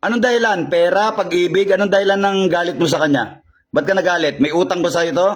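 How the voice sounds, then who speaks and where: A man's voice: sits high, fast talker. A man working as a faith healer on a live stream, issuing repetitive commands and interrogating a spirit. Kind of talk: live-streamed healing and exorcism.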